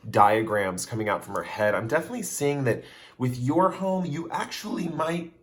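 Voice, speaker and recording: A man with a mid-range voice and lively intonation gives a casual pick-a-card tarot reading at normal speed. He is chatty and talks straight to the viewer in a loose, rambling way, restating his points.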